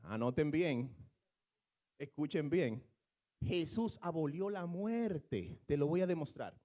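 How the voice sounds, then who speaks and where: A man's voice: fairly high pitch, expressive, takes it slowly, dark tone. A man preaching a sermon, explaining scripture in a teaching manner that rises into fervent, emphatic exclamations.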